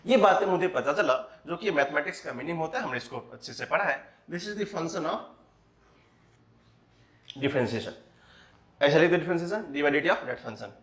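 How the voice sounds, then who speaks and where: A man's voice: a little high, expressive, normal speed, pauses often. A man teaching a physics class, mixing Hindi and English and asking rhetorical questions. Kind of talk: classroom lecture. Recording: roomy echo.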